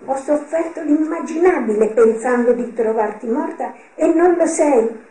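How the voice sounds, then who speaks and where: A woman reading the outburst of a distraught young woman, whom she voices as shrill and frantic. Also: unhurried, mellow. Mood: furious. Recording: roomy echo.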